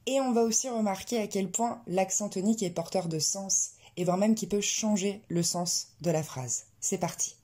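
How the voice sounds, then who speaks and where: A woman teaching an English pronunciation lesson, explaining clearly and slowing down to model words. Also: mid-range voice, mellow.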